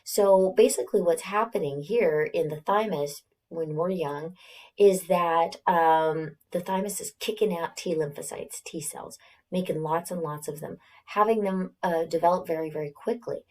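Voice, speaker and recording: A woman's voice: lowish voice, measured pace, darkish tone. Casual Californian woman lecturing biology. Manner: explanatory, self-correcting, conversational asides. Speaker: biology instructor. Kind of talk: recorded lecture.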